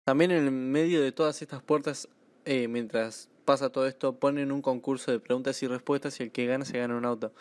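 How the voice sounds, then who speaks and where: A man's voice: mid-range voice, steady tone, fairly quick, no echo. A young man with an Argentine accent giving crude, sarcastic comic commentary on TV clips. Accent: Argentine Spanish. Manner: crude, sarcastic, swears a lot. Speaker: YouTube commentator.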